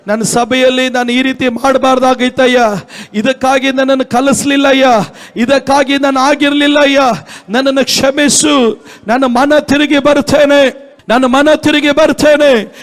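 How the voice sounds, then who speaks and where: Pastor guy, really high voice, preaching n leading prayer chants over and over. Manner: rising to shouted fervent prayer chants; repetitive call-and-response exhortation.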